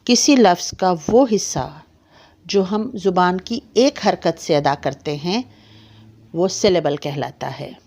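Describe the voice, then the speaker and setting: A woman's voice: lowish voice, lively intonation, slow, a little mellow. A woman teaching an English grammar lesson, explaining patiently, spelling words out letter by letter and checking that her listeners follow. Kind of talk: recorded online grammar lesson.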